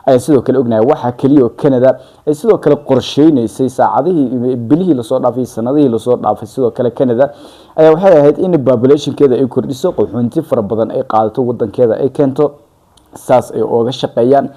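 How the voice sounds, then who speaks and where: A man's voice: mid-range voice, quick pace, mellow. A Somali-accented man giving explanatory news commentary in a wordy way, often repeating and rephrasing his points.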